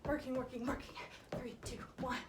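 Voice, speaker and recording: A woman fitness instructor leading a workout live, counting and giving short encouraging instructions, a little breathy from exertion. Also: high voice, flat delivery, a little fast. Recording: echoey, distant mic, loud background noise.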